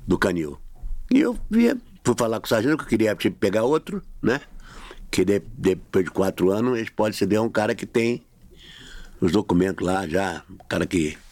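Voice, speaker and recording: A man's voice: fairly low pitch, darkish tone, dry recording. A middle-aged man telling a long anecdote in casual podcast talk, acting out the dialogue with shifting voices. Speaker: podcast guest. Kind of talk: casual storytelling.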